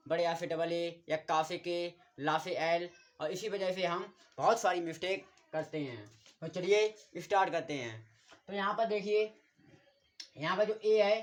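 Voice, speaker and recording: A man from India teaching an online English class, steadily explaining letter sounds, spelling words out slowly and repeating each sound as a drill. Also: high voice. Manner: repeats and drills sounds, keeps pointing to the board.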